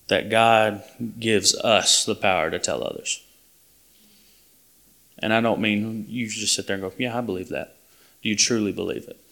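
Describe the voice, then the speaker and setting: This is a man preaching to his congregation in a slightly low, a bit bright voice. He comes across as earnest and plain-spoken, often halting and restarting partway through a sentence.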